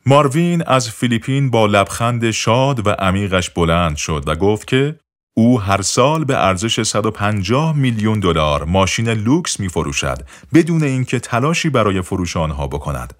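A man narrating an audiobook in a measured, repetitive way, often letting his voice drop softer at the end of phrases. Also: fairly low pitch, sing-song. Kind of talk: scripted narration.

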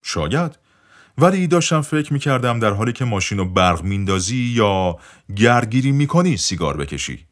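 A man reading the lines of a calm, easygoing spiritual teacher in a relaxed, matter-of-fact way. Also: mid-range voice, lightly acted.

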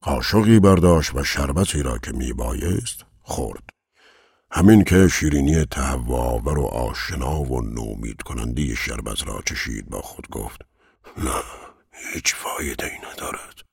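A man narrating a novel in a measured, solemn way. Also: a bass voice, expressive, creaky, a little mellow, slightly rough, no echo, studio quality. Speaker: audiobook narrator.

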